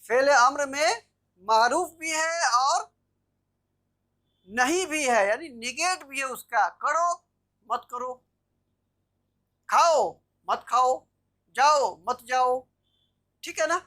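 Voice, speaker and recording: High-voiced woman teaching an online class. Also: expressive, slow pace, pauses often, a bit bright. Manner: explanatory, checks understanding with "theek hai na". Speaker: Arabic grammar teacher. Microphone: video call.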